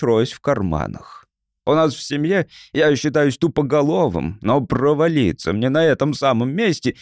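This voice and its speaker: Man narrating an animated folksy audiobook. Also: a little high, dry recording, studio quality. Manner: folksy, expressive storytelling.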